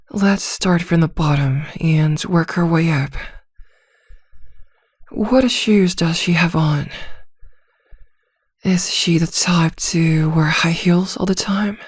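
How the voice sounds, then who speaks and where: A female vampire masquerading as a calm, teasing, controlling therapist speaks in this ASMR roleplay of slow guided hypnosis. Her pitch is fairly low and her delivery soft, breathy and soothing, often near a whisper, carrying quiet command. She is recorded on a close, dry microphone with no echo.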